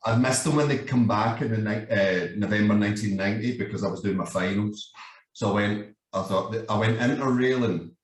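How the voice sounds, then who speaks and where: Glaswegian man, low voice, roomy and off-mic. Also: fairly quick, far from the mic. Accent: Glasgow Scottish. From Scotland. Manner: sweary, laughs often, keeps saying "you know what I mean". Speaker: guest. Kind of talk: casual storytelling chat. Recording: roomy sound from away from the mic.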